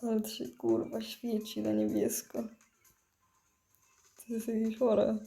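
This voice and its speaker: A stoned woman, high on weed, giving dazed, giggly, foul-mouthed rambling commentary while gaming. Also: completely flat delivery, takes it slowly, vocal fry, warm tone. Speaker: mobile game player. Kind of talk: casual gameplay commentary.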